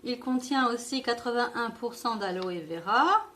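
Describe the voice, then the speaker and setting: A woman's voice: fairly high pitch, normal speed, a bit bright. A French-speaking woman reviewing organic makeup in a casual vlog, often stumbling over product names and correcting herself. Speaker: beauty vlogger.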